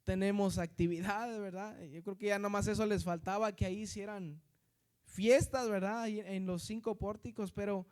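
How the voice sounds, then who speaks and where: A man's voice: sits high, steady tone, normal speed, a little mellow, clear, resonant tone. A man with a northern Mexican accent preaching a sermon in a conversational way, often checking in with his listeners and addressing them as brothers and sisters. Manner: conversational preaching, constant tag questions and addressing the brethren.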